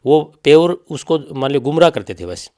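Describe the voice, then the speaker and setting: A bereaved father, middle-aged and Haryanvi-accented, gives interview testimony with insistence, repetition and quoted speech. His voice sits a little high and is expressive and warm, delivered at a moderate pace.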